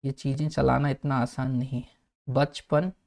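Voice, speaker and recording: A man's voice: on the high side, creaky. A man teaching an online exam-prep class, coaxing his students with mnemonic tricks and frequent check-ins, sometimes rattling off facts in a raised voice. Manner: rapid fact listing in a raised voice.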